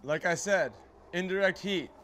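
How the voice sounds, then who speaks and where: A man's voice: high-pitched, normal speed, background noise. A young man co-hosting a cooking show, chatting casually and teasing his brother as he cooks. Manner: teasing, playful.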